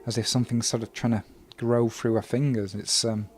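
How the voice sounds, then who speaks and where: A man narrating a tabletop game as game master, relaxed and full of ums and uhs. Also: mid-range voice, a little fast, soft background music.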